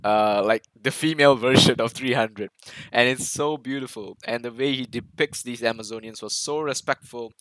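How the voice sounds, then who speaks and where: Man as an excitable film reviewer, bright, tense tone, dry close sound, restarts often. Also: mid-range voice, moderate pace, no room sound, rough recording. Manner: enthusiastic, many fillers and restarts. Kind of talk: casual movie breakdown commentary.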